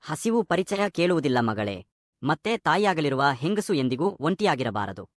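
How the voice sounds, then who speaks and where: A man's voice: a little high, sing-song, moderate pace, no room sound, studio quality. A man voicing a caring, motherly older woman next door, speaking affectionately. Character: motherly older female neighbor, warm and caring.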